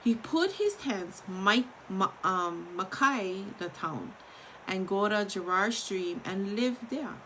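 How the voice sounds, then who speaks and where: A woman's voice: medium pitch, lively intonation, slow pace, fairly bright tone. Female storyteller, Hawaiian Pidgin accent, informal read-aloud delivery, mid-range voice, slightly noisy room recording. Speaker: Bible story reader.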